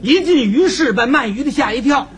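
A man telling a crosstalk story in a lively, chuckling way. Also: extremely high pitch, a little fast. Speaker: crosstalk comedian, lead teller.

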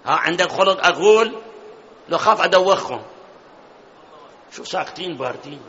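Male preacher, high and sharp, quizzes the crowd; lo-fi hall recording. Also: lively intonation, fairly quick. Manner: questions the audience often, recites verses in a chanting tone. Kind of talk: religious lecture. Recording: dull lo-fi sound with long hall reverb.

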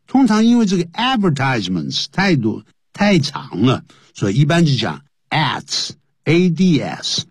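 Animated husky-voiced male English teacher. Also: on the high side, unhurried, no room sound, studio quality. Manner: explains English phrases in Chinese and spells words letter by letter. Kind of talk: radio English lesson.

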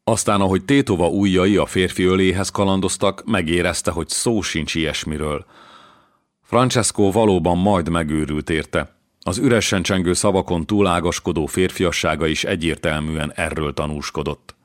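Brief: male audiobook reader, measured and low, very dry studio. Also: no echo. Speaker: audiobook narrator. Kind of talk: scripted historical novel narration.

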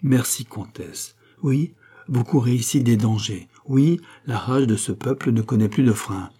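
A man voicing a proud, anxious queen, dignified and commanding, in a low husky voice. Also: a little slow, warm tone.

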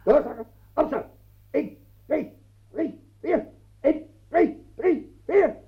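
A man's voice: very high-pitched, animated, slow pace, gravelly, heavily acted. An actor in a radio play voicing a domineering man who barks drill orders and mocks his victim. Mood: barking drill. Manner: barking commands, mocking, relentless. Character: domineering male tormentor, barking drill orders. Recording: dull lo-fi old radio recording.

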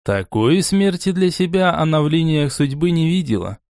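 A man reading an audiobook as narrator in a steady, even storytelling manner. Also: on the high side, normal speed, gravelly, dry recording, clean studio sound. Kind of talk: scripted narration.

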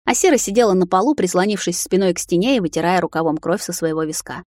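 A woman's voice: lowish voice, fast talker, darkish tone, dry recording. A woman narrating a fantasy romance novel in a dramatic first-person reading on a close mic. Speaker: audiobook narrator. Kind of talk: scripted narration.

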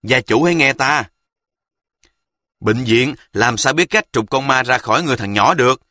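Pompous middle-aged sorcerer, commanding and bright, read by a male narrator. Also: medium pitch, moderate pace, dry recording, studio quality, lightly acted. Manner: commanding, grandiose.

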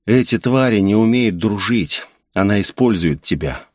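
A man playing a calm, firm young hero. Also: fairly low pitch, normal speed, no echo, studio quality, close to an everyday voice. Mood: earnest. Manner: firm, earnest, persuasive.

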